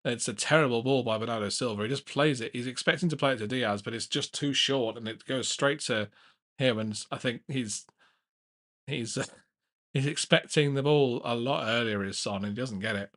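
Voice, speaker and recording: A young man hosting a live football watchalong, giving casual play-by-play with frequent restarts and getting excited at big chances. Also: mid-range voice, moderate pace. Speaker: watchalong host.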